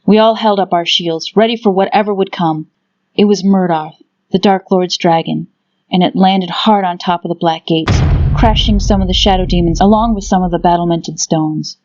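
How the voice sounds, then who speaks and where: A woman with a fairly low voice reads dramatic fantasy narration as an audiobook narrator. The recording is slightly dull and muffled. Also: steady tone, moderate pace, darkish tone, slight background noise.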